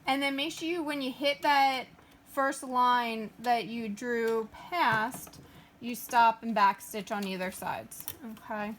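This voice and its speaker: A high-voiced woman talks through a sewing project step by step, chatty and relaxed, with plenty of fillers. Faint noise hums behind her. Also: slow. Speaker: craft tutorial host. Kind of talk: casual sewing tutorial.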